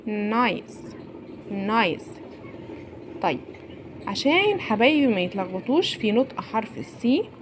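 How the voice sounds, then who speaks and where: An Egyptian woman with a fairly high voice teaches young children English. She is cheerful and drills each word slowly, over and over. A faint hiss sits under her voice. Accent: Egyptian Arabic. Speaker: English teacher for first-year pupils.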